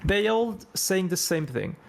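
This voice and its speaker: A man's voice: high voice, expressive, measured pace, gravelly. A man speaking non-native, accented English, giving emphatic, repetitive opinions off the cuff in a group call. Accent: foreign-accented English. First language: not English. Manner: emphatic, repeats points for stress. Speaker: veteran gamer on a discussion panel.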